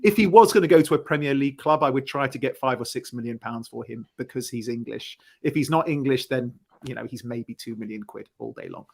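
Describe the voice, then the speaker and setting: A man's voice: medium pitch, a little fast, vocal fry, few pauses, darkish tone. A man in a casual football discussion, talking as a fan panellist, emphatic and thinking aloud with rhetorical questions.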